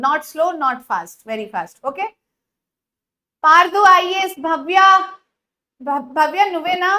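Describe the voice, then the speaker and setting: A woman's voice: extremely high pitch, fairly bright tone. A woman with a Telugu accent teaching a live online biology class, mixing English with Telugu and often saying "okay" and "uh". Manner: mixes English and Telugu, repeats 'okay', frequent 'uh' fillers.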